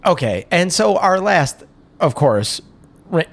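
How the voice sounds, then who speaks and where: A man's voice: a little high, big pitch swings, slow, vocal fry. A man co-hosting an improvised comedy podcast, joking and punning in playful banter. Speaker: podcast co-host.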